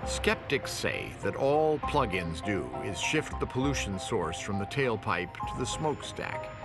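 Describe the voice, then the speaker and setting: Male doc narrator, deeper voice, expressive, measured and informative. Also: over loud music. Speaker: documentary narrator. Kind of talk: scripted narration.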